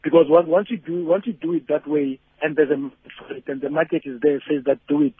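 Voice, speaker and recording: A man calling a radio phone-in, reasoning haltingly through his opinion and repeating words as he goes. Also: a little high, fairly even intonation, slight background noise. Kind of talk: casual reflective opinion. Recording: tinny narrow phone line.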